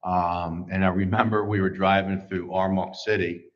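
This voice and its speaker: A man's voice: low-pitched, level tone, moderate pace. A middle-aged man hosting a livestream, chatting casually about viewer comments and rambling with many fillers. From United States. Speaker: livestream host. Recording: slightly dull livestream audio.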